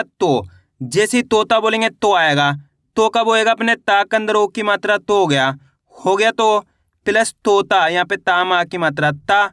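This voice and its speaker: A man teaching reading, patiently sounding out each syllable and stretching the words slowly. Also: sits high, fairly bright tone, dry recording, studio quality. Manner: patient, repetitive, drawn-out word sounding. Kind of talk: slow syllable-by-syllable phonics lesson.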